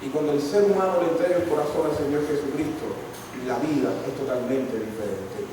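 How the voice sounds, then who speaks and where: A man's voice: fairly high pitch, brisk, background noise. A man pastor preaching a sermon, telling stories with emphatic repetition. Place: large church hall. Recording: echoey church hall from far off.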